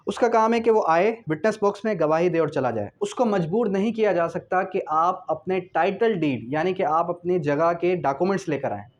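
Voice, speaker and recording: Speaking expressively in a high voice at a moderate pace with few pauses, a man explains the law didactically, reading clauses and then unpacking them, often answering his own questions. The lo-fi recording has a dull sound.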